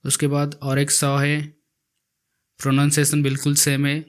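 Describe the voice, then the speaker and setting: In a fairly high, completely flat, clean voice, a male language teacher works slowly through the alphabet. Each letter gets said twice and written out slowly while he explains how to write it.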